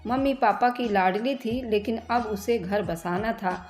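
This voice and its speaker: A woman narrating an emotional family story in a steady storytelling manner. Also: medium pitch, a little slow. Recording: faint background music.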